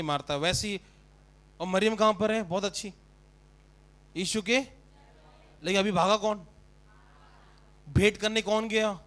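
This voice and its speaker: Brief: man preaching, smooth clear voice, very high, questions the congregation. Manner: fervent preaching, rises to shouts. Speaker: pastor. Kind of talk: sermon.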